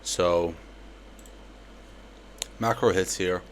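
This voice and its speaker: A young man with a slight lisp walking through a trade in a casual, relaxed way, with lots of fillers. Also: low voice, very slow, a little hiss or hum. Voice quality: slight lisp from a palate expander. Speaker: trading educator. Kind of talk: screen-recorded trade breakdown.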